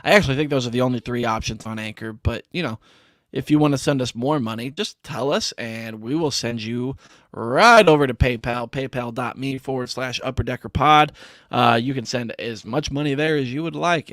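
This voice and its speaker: A man's voice: medium pitch, a little fast, a bit bright, no echo, clean studio sound. A man hosting a casual sports podcast in an easygoing, slangy way, often calling his co-host "bro". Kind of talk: casual chat.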